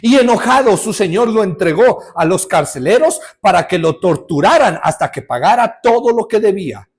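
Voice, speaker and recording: Male pastor, high-pitched and lively, jokes through his sermon storytelling. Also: moderate pace. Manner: lively storytelling with humor and rhetorical questions.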